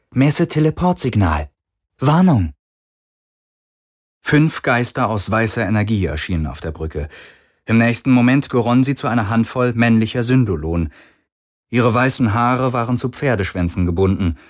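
A man narrating a science-fiction audiobook in a measured, steady way. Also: on the low side. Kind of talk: scripted narration.

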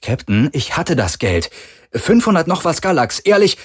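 A man voicing a sly young female thief with a soft, melodic voice and feigned innocence. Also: on the high side, sing-song, fairly quick, pitched above the performer's own voice. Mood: sly, haughty.

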